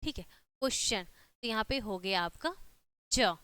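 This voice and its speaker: A woman's voice: mid-range voice, expressive, measured pace, bright, forceful tone, clear, resonant tone, dry recording. A woman teaching an online exam-prep lesson, explaining step by step with frequent rhetorical questions and repeated check-ins.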